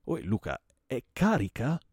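A man voicing a terrified man with a pitched-up voice. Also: lively intonation, normal speed, creaky, darkish tone, dry recording, clean studio sound, full character voice. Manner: frightened and pleading. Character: terrified, pompous small-town man. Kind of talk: dramatic reading of a play.

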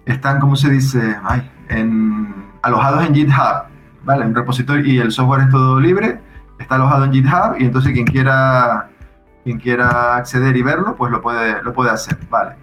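A man casually explaining how his software works, thinking aloud with frequent restarts. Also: mid-range voice, steady tone, normal speed, reverberant, faint music behind. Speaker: software developer guest.

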